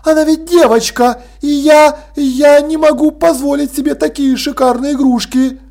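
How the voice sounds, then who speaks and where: Shrill indignant mother, voiced by a man. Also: steady tone, normal speed, vocal fry. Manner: shrill, loud, protesting.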